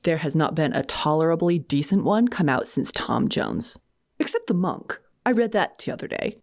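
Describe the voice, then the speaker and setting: A woman's voice: low-pitched, animated, moderate pace, creaky, darkish tone. A woman reading the lines of a boorish, dismissive young man who looks down on novels. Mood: scornful. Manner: dismissive, blustering.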